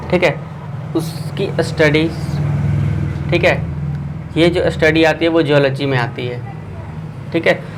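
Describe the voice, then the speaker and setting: A man's voice: fairly high pitch, background noise. Man teaching an online exam class. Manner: quizzing viewers with a repeated filler.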